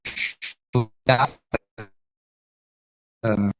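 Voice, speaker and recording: A man presenting slides over a video call, speaking haltingly with many filler sounds. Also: mid-range voice, fairly even intonation, fairly bright tone. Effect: remote voice on a video call. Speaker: workshop presenter.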